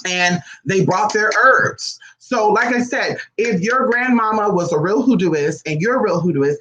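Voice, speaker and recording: A man with a notably high-pitched voice delivers an unscripted, profane monologue to camera. He speaks bluntly and emphatically and keeps hammering his points with rhetorical questions. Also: fairly bright tone, poor audio. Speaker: spiritual practitioner vlogger.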